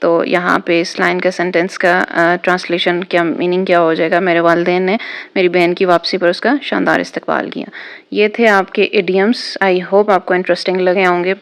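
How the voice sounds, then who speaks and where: A woman teaching a school lesson, patient and repetitive, who reads example sentences out slowly and deliberately. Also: lowish voice, flat delivery, smooth. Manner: patient, repetitive, keeps saying "okay". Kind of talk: exam-prep lesson explaining idioms.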